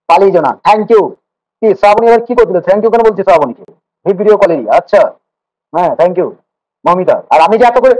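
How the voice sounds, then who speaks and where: A man's voice: very high voice, rough recording. A man teaching biology in a casual online class, joking and teasing his students as he explains. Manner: rapid, repetitive explaining with fillers.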